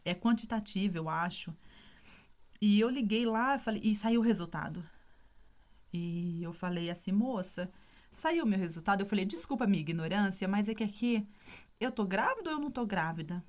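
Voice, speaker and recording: A woman in her thirties, a vlogger sharing her testimony, tells a personal story in a casual, emotional way, sometimes tearful, with many fillers and frequent apologies for her feelings. Her voice is medium-pitched, animated and darkish, at a moderate pace.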